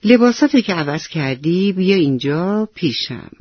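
A woman doing a gentle, doting mother. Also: lowish voice, sing-song, husky, dry recording, dull audio. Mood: coaxing. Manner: soft, affectionate coaxing.

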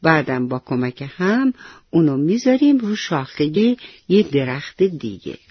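Gentle kindly stag told by a storyteller. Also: mid-range voice, very animated, husky, dry recording, muffled recording. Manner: gentle, patient. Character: kind calm male deer with tall antlers.

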